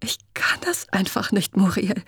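A shaken sixteen-year-old prince in a spoken storybook, stammering and halting as he searches for words, as a woman reads him. The reading is slow and the recording dry. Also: sits high, lively intonation, slightly rough, no echo, voice pushed up, full character voice. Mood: distraught. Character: young male crown prince, sixteen, shaken and grieving.

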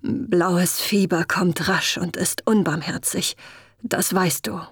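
A woman's voice: fairly low pitch, fairly even intonation, takes it slowly, slightly rough, dry recording, studio quality. A woman reading a stern young swordmaster. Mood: firm. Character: young female master swordswoman, stern but caring.

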